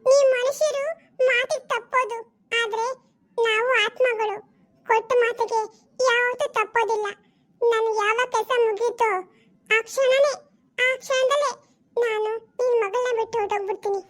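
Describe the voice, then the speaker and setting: Woman doing solemn girl-spirit, very high thin voice, firm and bargaining. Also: steady tone. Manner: stern and bargaining, slow and solemn. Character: female spirit possessing a young girl, calm and firm. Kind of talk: home-made family drama.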